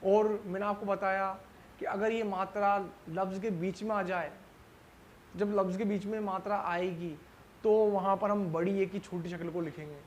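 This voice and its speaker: A man teaching a language lesson. He explains slowly, asks himself questions and answers them, and stretches out example syllables carefully. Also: sits high, a little mellow, slight background noise. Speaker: Urdu teacher. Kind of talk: classroom-style language lesson.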